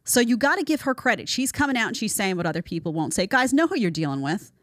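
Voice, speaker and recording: A woman's voice: mid-range voice, big pitch swings, fast, no room sound, studio quality. A woman hosting a social commentary podcast, talking emphatically and with strong opinions. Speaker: podcast host.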